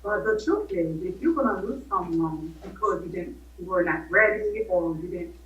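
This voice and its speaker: A woman's voice: expressive, moderate pace, a bit bright. A woman appearing as a guest coach in a talk show interview, emphatic and opinionated. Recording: distant, echoey, dull low-fidelity sound.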